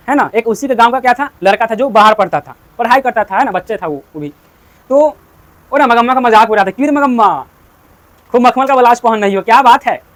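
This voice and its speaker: A man teaching a story to students, asking and answering his own questions and repeating points. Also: high voice.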